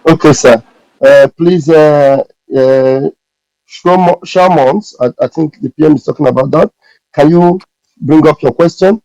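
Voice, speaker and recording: A man's voice: on the high side, measured pace, a little mellow, dry recording, rough recording. Man moderating callers, dry close sound. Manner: patient, directive. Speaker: host. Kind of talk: moderating an online audio room.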